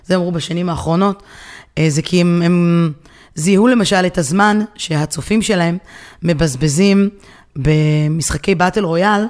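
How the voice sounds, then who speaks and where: A woman with an Israeli accent co-hosting a casual discussion, often pausing to search for her words. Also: fairly low pitch, darkish tone. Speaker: podcast co-host.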